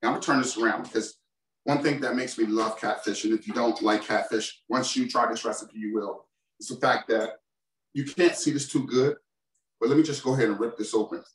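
Brisk and mid-range, a man's voice comes through with a little hiss or hum. He's a chef in his forties casually and enthusiastically demonstrating a recipe in his home kitchen for viewers he addresses directly, captured on a far camera mic that leaves the sound roomy.

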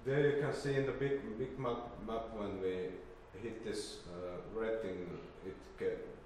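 This middle-aged man's voice is on the low side and a little mellow, with fairly even intonation, as he hesitantly and haltingly gives an informal seminar talk with slides. A distant camera microphone in the indoor room with its projector screen yields an echoey, roomy recording with some faint noise.

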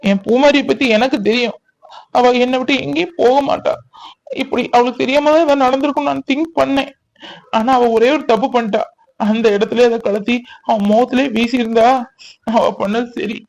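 Woman voicing a gentle young male doctor. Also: on the high side, fairly even intonation, moderate pace, highs cut off, natural voice. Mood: worried. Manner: soft, consoling.

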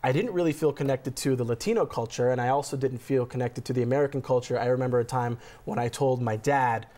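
A man's voice: mid-range voice, quick pace, dark tone. A man in his thirties, a TV news reporter from California, explaining his story eagerly to the anchors in a studio news segment. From Burbank, California.

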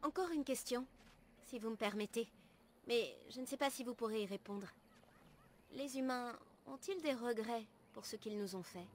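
A woman playing an earnest, gentle young elf apprentice in a video game, speaking formally and in measured, literary phrases. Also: fairly high pitch, slight background noise, lightly acted. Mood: solemn, wistful. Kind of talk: video game dialogue acting. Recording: music behind the voice.

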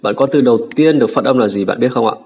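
A man's voice: medium pitch, rapid-fire, gravelly, mellow, breathy edge. A man with a Vietnamese accent teaching English pronunciation, patiently repeating each word to contrast the sounds, politely addressing the viewer. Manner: polite, ends phrases with "ạ" and "nhá". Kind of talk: pronunciation lesson.

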